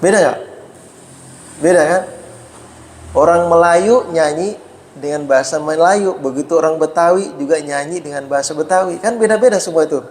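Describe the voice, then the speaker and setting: A man's voice: a little high, a little mellow, a little hiss or hum. A man preaching in a mosque, explaining Arabic terms and asking his listeners questions, with "ya" after nearly every phrase. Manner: explains Arabic terms slowly, frequent "ya" tags; asks listeners rhetorical questions. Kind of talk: mosque study talk. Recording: echoey mosque hall.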